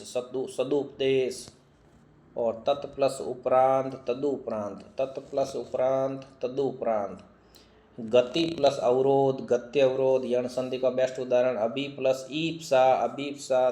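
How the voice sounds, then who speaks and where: A man teaching Hindi spelling, reading word after word slowly, repeating each one and asking questions he answers himself. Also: mid-range voice, dark tone, roomy sound. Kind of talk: online exam-prep lesson.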